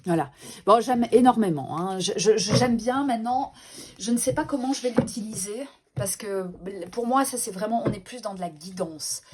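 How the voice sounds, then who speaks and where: A woman's voice: fairly high pitch, lively intonation, moderate pace, crowd noise. A woman, chatting casually as she presents her collection in a vlog, with frequent hesitations and self-corrections. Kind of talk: casual show-and-tell vlog.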